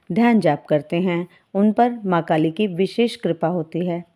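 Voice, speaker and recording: A woman with a low, mellow voice gives a devotional talk to her followers. She speaks calmly and in a motherly way, addressing listeners as children. Her delivery is warm and unhurried. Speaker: devotional channel host and spiritual guide.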